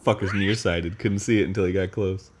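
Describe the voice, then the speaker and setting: Excitable, foul-mouthed man streaming a game. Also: fairly quick, slight background noise. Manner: excitable, profane, swings into loud high-pitched yelps. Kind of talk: live gameplay commentary.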